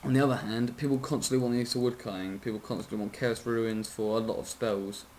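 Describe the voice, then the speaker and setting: A man's voice: medium pitch, steady tone, fast talker, darkish tone. A drowsy man talks through a casual game tutorial in an ordinary mid-range voice. He rambles, keeps apologizing, trips over numbers and corrects himself, with the odd swear. A faint hiss sits under his voice. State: sleepy, yawning.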